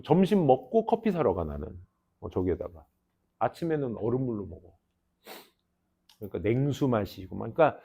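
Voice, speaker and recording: A young adult man teaching an English class, lecturing students in a casual, teasing way with lively asides. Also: mid-range voice. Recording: dull lo-fi lecture recording.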